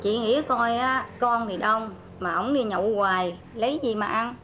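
A woman's voice: a little high, normal speed, a bit bright, slight background noise, close to an everyday voice. A woman playing a weary complaining wife. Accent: Southern Vietnamese. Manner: complaining, pleading. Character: weary beaten wife of a drunk. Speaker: beaten wife. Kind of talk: rural comedy film acting.

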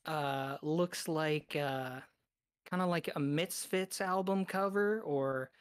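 A woman with a low voice chatting casually on a podcast, recorded close and dry. She talks in a relaxed, hesitant way, filling gaps with ums and likes. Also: takes it slowly, no room sound. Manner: relaxed, hesitant with many fillers. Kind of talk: casual chat.

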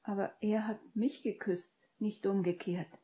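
A woman reading an audiobook and voicing a distraught, guilt-ridden young witch in a breathy, pleading whisper. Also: mid-range voice, steady tone, measured pace, warm tone, pitched above the performer's own voice, close to an everyday voice. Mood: upset.

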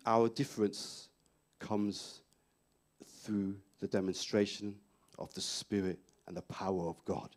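A man's voice: fairly low pitch, a little mellow. A male pastor preaching on a church stage, emphatic and repeating key phrases. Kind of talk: sermon.

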